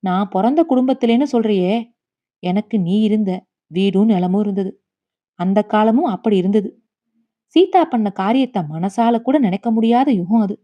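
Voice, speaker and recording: A grieving old grandmother, as a woman storyteller puts her on, stubborn and tender, who scolds and then speaks with quiet bitterness. She comes through a slightly dull, muffled audiobook recording. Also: mid-range voice, normal speed, natural voice. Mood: pleading. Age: over 60.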